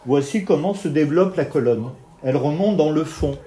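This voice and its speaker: A man gives an evening art history lecture, walking listeners through a painting detail by detail. His voice sits a little high for a man yet sounds mellow and dark in tone. He explains patiently and points at the picture as he talks. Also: animated, moderate pace. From Italian family background.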